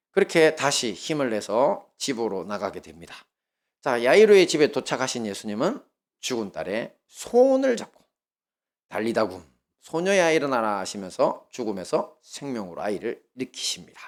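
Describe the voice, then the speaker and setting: A male pastor with a Gyeongsang Korean accent, preaching a sermon with lively storytelling and questions put to the congregation. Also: medium pitch.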